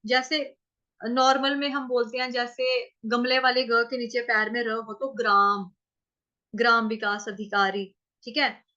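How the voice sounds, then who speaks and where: A woman teaching how to chant a Sanskrit verse, breaking words into syllables, repeating them slowly and answering her own questions. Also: fairly high pitch, level tone, sharp tone, lo-fi sound. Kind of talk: pronunciation lesson in Hindi.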